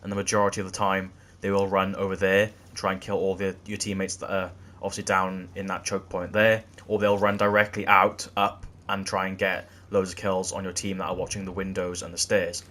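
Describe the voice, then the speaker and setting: A man walking through video game tactics in a gameplay tutorial, explaining in a steady way that often repeats "again". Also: deep voice, brisk, hardly any pauses. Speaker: gaming channel host.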